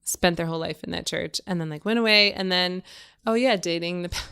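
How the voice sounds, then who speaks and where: Woman, thirties, raspy, stuffy from a cold, casual self-deprecating chat, somewhat low voice. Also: a little fast, a bit bright. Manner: chatty, self-deprecating, laughs easily. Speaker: podcast guest. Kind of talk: casual conversation.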